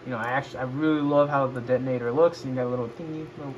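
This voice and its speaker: A man's voice: medium pitch, steady tone, racing, muffled recording. A drunk man giving a casual, unscripted toy review, rambling and swearing as he loses track and repeats himself. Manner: rambling and foul-mouthed. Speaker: host of a toy review video. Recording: noisy home recording, clear background noise.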